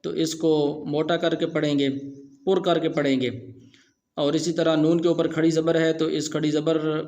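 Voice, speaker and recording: Guy giving a tajweed lesson, kinda high voice but pretty flat, muffled audio. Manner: explains plainly, then slowly chants example verses. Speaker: Quran recitation teacher. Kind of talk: tajweed lesson explaining and chanting verses.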